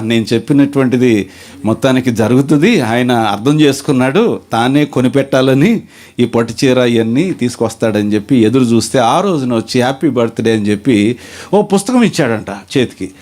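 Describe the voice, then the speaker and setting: A man preaching a sermon in a storytelling way, reading scripture slowly and emphatically. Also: medium pitch, a little mellow.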